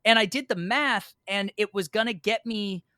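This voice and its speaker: Clear and resonant, this high-pitched man speaks at a moderate pace in clean studio sound with no room sound. He's a New York stage actor appearing as a podcast guest, casually telling a personal anecdote and animatedly acting out both sides of remembered exchanges.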